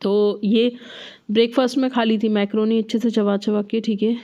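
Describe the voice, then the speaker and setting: A woman's voice: fairly high pitch, flat delivery, moderate pace, warm tone, dull audio. A woman vlogger chatting casually and giving diet advice, her voice changed and stuffy from a cold. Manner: chatty, advice-giving, frequent tag questions. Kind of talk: casual diet vlog chat.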